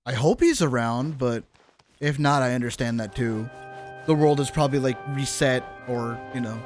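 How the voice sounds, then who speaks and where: Over game music on his stream, this man chats and reacts live, rambling with enthusiasm and repeating himself. He has a medium-pitched voice at a normal speed, and the recording carries no room sound.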